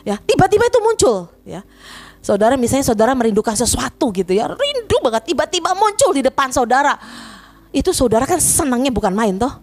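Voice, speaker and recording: A woman pastor preaching an animated sermon, often turning to the congregation as she speaks. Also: high voice, fast. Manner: animated, addresses congregation as "saudara", emotional retelling of prayer. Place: church.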